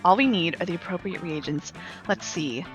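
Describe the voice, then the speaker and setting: A woman's voice: fairly low pitch, moderate pace, faint music behind, close to an everyday voice. A woman voicing an earnest, fuming young spellcaster in a game read-along, declaiming dramatically and defiantly. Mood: scheming, hopeful. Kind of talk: dramatic voice-acted reading of game dialogue.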